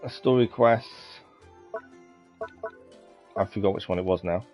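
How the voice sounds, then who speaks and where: A game live streamer with a low voice offers casual, unhurried commentary as he plays, musing aloud somewhat hesitantly. His dull lo-fi mic also picks up the game music.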